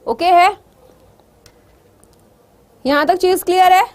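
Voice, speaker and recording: A woman's voice: extremely high pitch, slow pace, darkish tone. A woman teacher explaining exam preparation to students, coaxing and often asking if they follow, mixing in English words. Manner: coaxing, repeatedly checks students understand.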